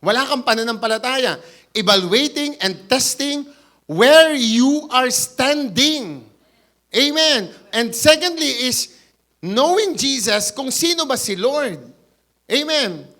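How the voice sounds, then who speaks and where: A man with a Batangas Tagalog accent preaching an animated sermon, acting out the quoted voices and switching into English now and then. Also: very high-pitched, takes it slowly. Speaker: pastor. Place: church.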